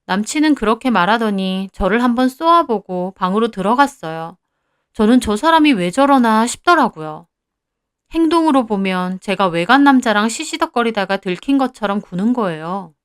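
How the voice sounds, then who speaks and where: A young woman narrating her own story in the first person, in an even, confiding way. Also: a little high, moderate pace, smooth, no room sound, studio quality.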